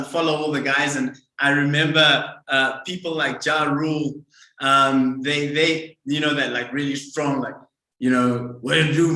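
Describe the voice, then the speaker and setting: Man, podcast host, halting and rambly, slightly high bright voice, roomy echo. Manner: rambling, halting, lots of fillers. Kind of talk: podcast interview.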